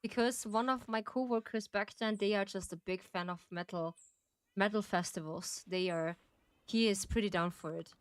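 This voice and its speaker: A woman's voice: medium pitch, moderate pace, clean tone, no echo. A woman who is a non-native English speaker chats casually on a gaming livestream in a cute, gushing streamer manner. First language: not English.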